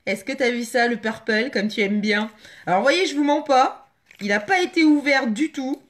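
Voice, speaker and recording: Excitable woman gushing on a live stream. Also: on the high side, moderate pace. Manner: excitable, gushing, greets viewers by name. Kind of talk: casual live-stream chat with viewers.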